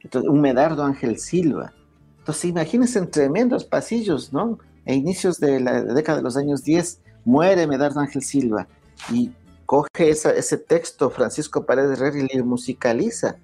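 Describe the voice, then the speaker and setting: Expressive at a normal speed, this man from Ecuador speaks in a dark, breathy-edged medium-pitched voice. A guest in an explanatory interview, he lectures on music history with many restarts and frequent "¿ya?" checks.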